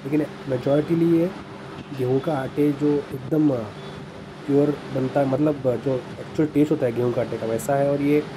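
A man's voice: medium pitch, fairly even intonation, normal speed. A man narrating a casual food review in a small café, chatty and enthusiastic, with some hesitant fillers. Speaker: food vlogger. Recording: noisy café background.

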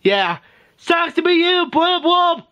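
A man's voice: very high-pitched, big pitch swings, slow, lo-fi sound. A male storyteller rambling through a homemade toy adventure, saying "beep" in place of swear words. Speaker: storyteller voicing toy figures.

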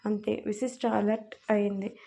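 A woman narrating an audio love story in a steady storytelling manner. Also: mid-range voice, moderate pace, gravelly.

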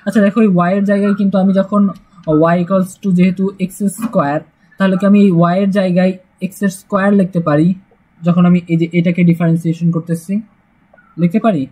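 A man's voice: high-pitched, little pitch movement, fast talker, darkish tone, poor audio. A man teaching a casual math lesson, chatty and joking, with frequent "uh" fillers. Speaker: math tutor.

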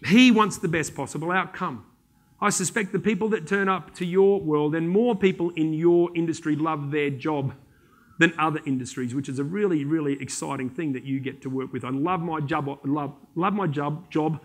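An Australian man giving a conference keynote, telling comic stories and briefly slipping into voices for the people in them. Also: high-pitched. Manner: animated, joking, slips into quick voices for people in his stories. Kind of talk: comic storytelling talk to an audience.

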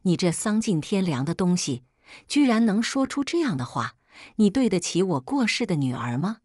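A woman's voice: fairly low pitch, very animated, normal speed, a little mellow, no echo, studio quality. A woman voicing a grieving old mother who wails, accuses and begs tearfully, in a storybook reading. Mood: raging. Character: wailing grieving old mother, shrill and abusive. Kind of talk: storybook narration.

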